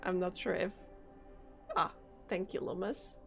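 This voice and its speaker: Fairly low-pitched and creaky yet fairly bright, this woman's voice stays steady and unhurried. She's playing a game on a live stream, rambling, thinking out loud, and chatting with viewers, her throat a little sore, faint game music behind her.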